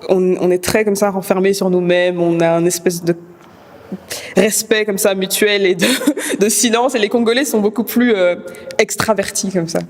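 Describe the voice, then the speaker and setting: A young woman talking thoughtfully about herself in an interview, laughing softly now and then. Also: mid-range voice, steady tone, moderate pace, in a large hall. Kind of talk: reflective casual talk.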